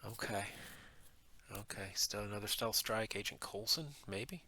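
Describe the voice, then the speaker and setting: Low gravelly man thinking aloud. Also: measured pace. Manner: thinks aloud with frequent ums, quiet at times. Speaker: host playing a card game. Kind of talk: casual play-by-play narration. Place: home basement.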